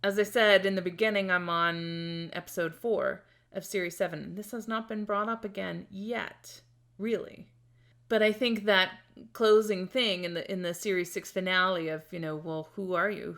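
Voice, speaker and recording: A woman's voice: mid-range voice, vocal fry, fairly bright tone. Chatty woman reviewing a TV series. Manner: chatty, rambling with restarts and laughs. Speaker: series reaction host. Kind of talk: casual video review to camera.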